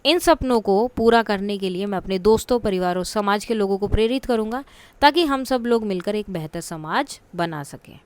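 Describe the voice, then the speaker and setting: A woman's voice: mid-range voice, moderate pace, a little mellow, clear, resonant tone, no echo. A woman teacher going through a textbook chapter step by step, explaining patiently and checking in with her listeners.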